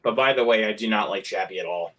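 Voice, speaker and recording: A man's voice: lowish voice, fast talker, over a noisy crowd. A man giving firm opinions in casual movie chat, often repeating words as he starts.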